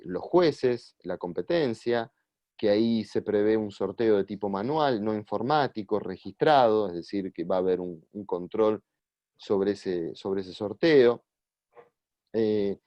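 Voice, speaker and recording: A man giving a measured, explanatory talk, often pausing on "eh" and repeating words. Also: fairly low pitch, no room sound. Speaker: guest speaker on judicial reform. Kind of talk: lecture-style explanation. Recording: dull lo-fi, dry sound.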